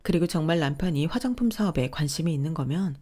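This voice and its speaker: A woman narrating a first-person story in a calm, confiding way. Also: sits low, quick pace, husky, soft background music.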